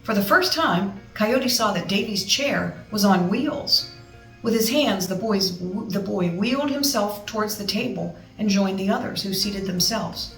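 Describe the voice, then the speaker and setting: Female storybook reader, expressive with chatty asides, medium pitch, echoey room, slightly distant mic. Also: unhurried, creaky. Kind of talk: expressive children's read-aloud with chatty asides. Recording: roomy, distant mic, music behind.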